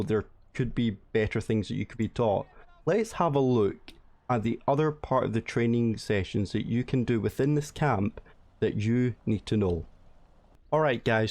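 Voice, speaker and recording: A man's voice: medium pitch, darkish tone, dry recording. A young man gives casual, rambling video game tutorial commentary, explaining things and repeating himself as he goes. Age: young adult. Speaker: gaming tutorial host. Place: indoor room at home.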